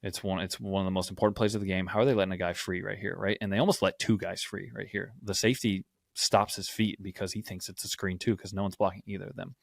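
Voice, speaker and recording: A man's voice: sits low, little pitch movement, quick pace, vocal fry, hardly any pauses, no echo, studio quality. A man co-hosting a football podcast, explaining plays from game film and often checking in with "right?". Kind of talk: film breakdown.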